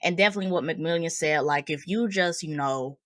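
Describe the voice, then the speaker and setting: A woman's voice: low voice, brisk, fairly bright tone, dry recording, studio quality. A woman hosting a review podcast, talking in an informal, slangy, conversational way. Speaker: podcast host. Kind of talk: casual movie review podcast.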